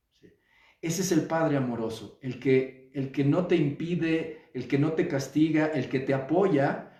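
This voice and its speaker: Mexican male therapist, slightly high voice, heard from a distance in a roomy, echoey space. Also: mellow. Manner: measured, repeats phrases, checks in with listeners. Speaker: psychotherapist. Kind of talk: reflective live talk. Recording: roomy echo, distant mic.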